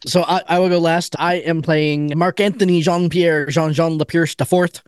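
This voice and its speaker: Male player, higher register, playful, stammering restarts, dry close sound. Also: steady tone, moderate pace, clean tone, no room sound. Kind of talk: casual chat.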